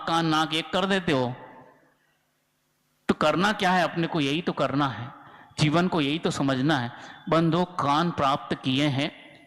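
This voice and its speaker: A man's voice: on the high side, fairly bright tone. A man preaching a sermon as a monk, acting out little dialogues and putting questions to his listeners. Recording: reverberant hall.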